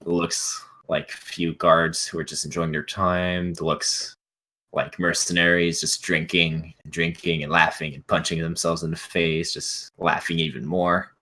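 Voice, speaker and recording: Deep-voiced male game master, loose and hesitant, casual live tabletop narration. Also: flat delivery, unhurried, sharp tone.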